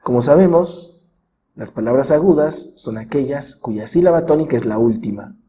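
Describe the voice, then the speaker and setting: Man, scripted lesson narration, mellow tone, measured delivery, slow drawn-out examples, faint hiss. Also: mid-range voice, animated. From Mexico. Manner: measured, stretches example words slowly. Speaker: teacher.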